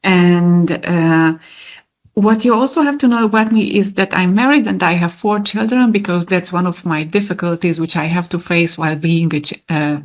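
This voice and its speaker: A woman's voice: on the low side, moderate pace. A woman, giving an earnest, slightly nervous webinar presentation. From Hungary. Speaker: teacher and speaker. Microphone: video call. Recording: muffled video call audio.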